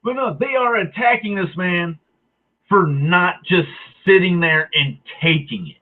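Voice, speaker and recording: A man rants with heat, sarcasm and plenty of swearing, his voice sitting fairly high for a man. The sound is thin and tinny, as if it came through a phone line. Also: measured pace. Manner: heated, profane, sarcastic. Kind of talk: angry ranting monologue.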